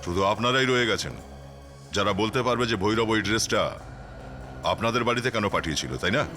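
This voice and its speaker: A stern police detective in a TV crime drama, acted by a man. His voice sits fairly low and he questions insistently. Clear background music plays underneath. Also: quick pace, natural voice. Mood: stern, probing. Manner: probing, insistent. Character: stern male police detective pressing suspects. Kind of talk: Indian TV crime drama acting.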